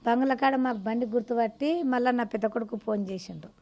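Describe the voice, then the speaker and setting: A woman's voice: a little high, fast, darkish tone, highs cut off. A woman, the victim's mother, giving short, plain answers to a reporter.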